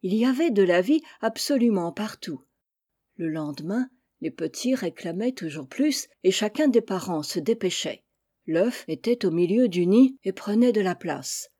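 A woman reads a children's fable aloud in a gentle, measured storybook manner. Her voice is dark and mellow, with a husky, breathy softness at mid pitch. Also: animated.

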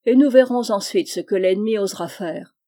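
A woman voicing a kindly, steady medieval abbot, gentle and firm, in a storybook reading. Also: medium pitch, fairly quick, lightly acted.

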